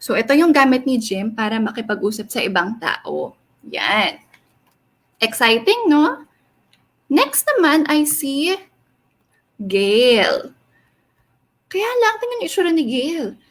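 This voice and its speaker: A young woman, reading a children's story aloud in an expressive sing-song way and asking the kids questions. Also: high voice, takes it slowly, long pauses.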